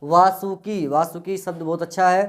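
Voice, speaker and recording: Flat-voiced male teacher. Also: sits high, normal speed. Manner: drills words by repeating them, flat and steady. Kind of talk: exam-prep spelling lesson.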